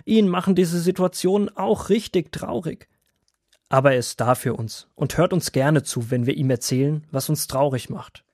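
A man voicing a kindly old grandfather woodworm in a children's audio drama, gentle, patient and fatherly. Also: a little high, dry recording, studio quality.

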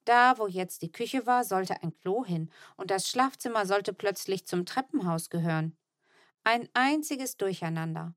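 A woman's voice: medium pitch, unhurried, no echo. Woman narrating a children's audiobook, dry. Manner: even, first-person storytelling. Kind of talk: scripted narration.

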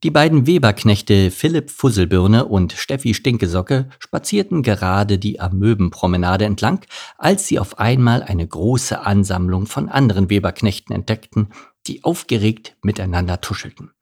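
A man's voice: fairly low pitch, animated, normal speed, a little mellow. A man narrating a children's story in a playful way, speaking directly to his listeners. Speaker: audiobook narrator.

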